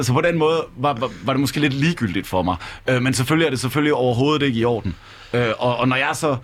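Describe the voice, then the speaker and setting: Stammende mand i fodboldsnak. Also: male voice, medium pitch. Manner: stammering, repeats words. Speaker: football podcast panelist. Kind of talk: casual chat.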